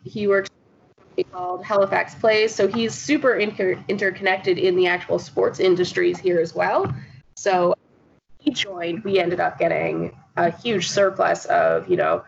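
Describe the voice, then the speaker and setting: Speaking at a moderate pace in a lowish, animated voice, this Canadian-accented startup founder is a chatty, explanatory guest in a relaxed interview. The recording is dull and lo-fi, with background noise clearly audible.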